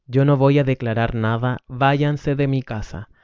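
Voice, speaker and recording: A man's voice: medium pitch, fairly even intonation, a little slow, darkish tone, clear, resonant tone, no room sound, natural voice. A man reading the lines of an angry, cornered man who curtly refuses to help, on a dull lo-fi recording. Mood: refusing. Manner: curt, defensive, refusing.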